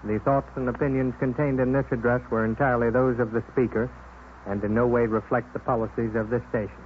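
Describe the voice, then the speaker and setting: A man giving a station sign-off on an old 1930s radio show, speaking in an even, formal way at a mid pitch. The sound is thin and tinny, like a vintage broadcast, with a faint hiss beneath it. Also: brisk.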